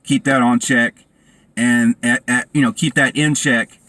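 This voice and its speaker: A man's voice: mid-range voice, fairly even intonation, a little slow, no echo. A man talking casually and encouragingly to his vlog audience while out running, in loose broken phrases. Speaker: vlogger. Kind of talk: casual motivational monologue to camera. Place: outdoors by a road. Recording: loud outdoor street and traffic noise.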